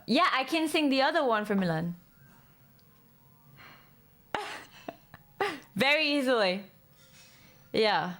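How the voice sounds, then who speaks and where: A woman chatting casually with her viewers, rambling, lively and laughing often. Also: mid-range voice. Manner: speaks in a lively way. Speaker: streamer.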